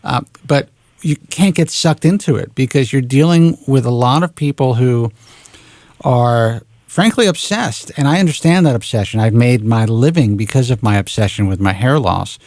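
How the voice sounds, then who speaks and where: A man in his forties hosts a talk radio show into a studio microphone, speaking frankly and with a casual curse here and there. His voice has a gravelly, creaky edge and sits in a middle pitch. The sound is close and dry, with no room echo. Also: normal speed, darkish tone. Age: 40s. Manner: frank, blunt, swears casually.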